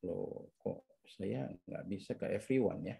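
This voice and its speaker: A man's voice: fairly low pitch, measured pace, gravelly, mellow, breathy edge. A man teaching counseling in a webinar, speaking over a video call and checking in with listeners often. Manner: teacherly, checks in with repeated oke and ya. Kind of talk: webinar lecture.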